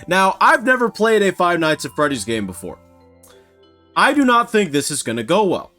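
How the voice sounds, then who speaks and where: A man's voice: high voice, normal speed, soft background music. A man giving casual, rambling let's-play commentary, self-mocking and prone to startled yelps. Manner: excitable, yelps and shouts when startled. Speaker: gaming YouTuber.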